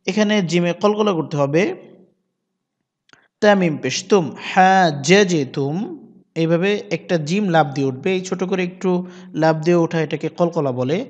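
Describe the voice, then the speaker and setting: A man with a fairly high voice teaches Quran reading in measured steps. He spells out each letter and vowel sign, then recites the words slowly with drawn-out vowels. His voice trails off into a long, ringing reverb. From Bangladesh.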